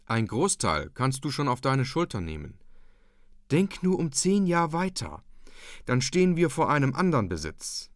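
A man's voice: medium pitch, wildly swooping pitch, unhurried, dry recording, studio quality. A man reading the part of an earnest young male dike-reeve who speaks steadily and reassuringly to his wife. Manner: warm, reassuring.

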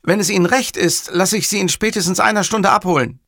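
A man's voice: sits high, fairly quick, bright, forceful tone, no room sound, clean studio sound, voice pushed up, full character voice. A man voicing a dutiful, matter-of-fact male police sergeant who reports formally and politely. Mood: earnest.

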